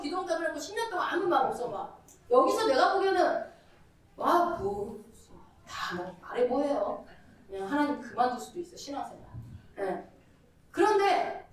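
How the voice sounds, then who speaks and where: Animated woman preacher in echoey hall. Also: sits high, recorded from a distance. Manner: animated, conversational, many rhetorical questions. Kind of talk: sermon. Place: church sanctuary.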